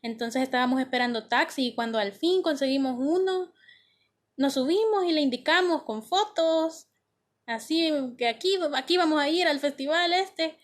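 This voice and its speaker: Woman, high voice, chatty anecdotes, casual recollection. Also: normal speed. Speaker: interviewee.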